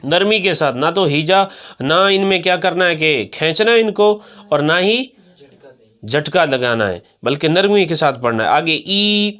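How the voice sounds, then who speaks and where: A man with a Pakistani Urdu accent teaching Quran pronunciation. He drills syllables slowly with repeated examples, asks questions and answers them himself, and stretches out the words he recites. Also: fairly high pitch, lively intonation, a bit bright.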